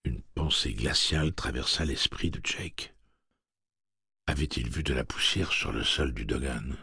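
A man reads a novel aloud in a low, gravelly voice with a very husky, breathy grain. His intonation rises and falls expressively as he tells the story. The recording is dry and close-miked. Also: pushed and bright, dry recording. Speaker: audiobook narrator. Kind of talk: scripted narration.

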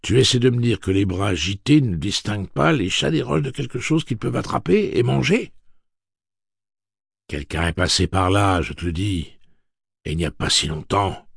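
A bitter, snarling traitor , as a male narrator puts him on, pushed louder and higher than plain narration. The voice stays gravelly and husky, heard in a dry, close audiobook recording. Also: normal speed, no echo. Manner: snarling, then weary and dignified. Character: snarling, whiny middle-aged male traitor. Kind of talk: audiobook character voice.

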